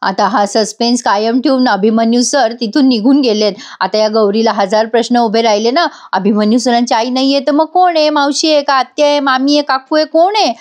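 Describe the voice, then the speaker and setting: A woman narrating an episode recap in a voice-over, telling the story with lively exclamations and speaking to viewers. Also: fairly high pitch, a little fast, few pauses. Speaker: TV show reviewer.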